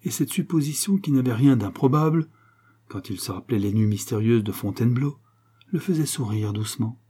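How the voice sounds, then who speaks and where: A man reading a romance novel aloud as an audiobook narrator, in a measured literary manner. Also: mid-range voice, warm tone, slightly rough.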